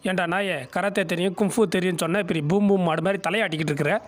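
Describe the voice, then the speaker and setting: A man's voice: high-pitched, steady tone, rapid-fire, loud music behind the voice. A man doing comic, teasing voice-overs for animals in a bantering, cartoonish way. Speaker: comedy voice-over creator. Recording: noisy background.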